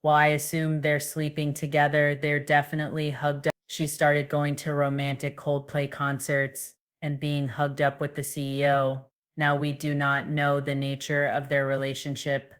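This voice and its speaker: A woman's voice: low-pitched, monotone, normal speed, few pauses, clean tone. A woman giving casual, sarcastic gossip commentary and reading news quotes aloud. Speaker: commentary vlogger.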